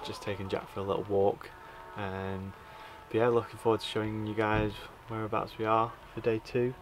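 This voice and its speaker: Speaking at moderate pace in a lowish voice, a man records a casual travel vlog from his campervan and outside, camera at arm's length. The audio quality is poor, with music in the background, and his relaxed chatter is full of "uh" and "um."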